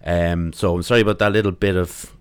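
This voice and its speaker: Podcast host: Irish man, late 30s, lowish voice, dry close sound, informal and halting. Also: fairly even intonation, smooth, no echo. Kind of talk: casual interview.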